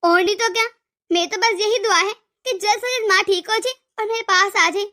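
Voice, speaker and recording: In a cartoon voice-acting role, a woman plays an emotional young wife and devoted daughter who often stammers over her words. Her voice is very high, brisk and sharp-toned.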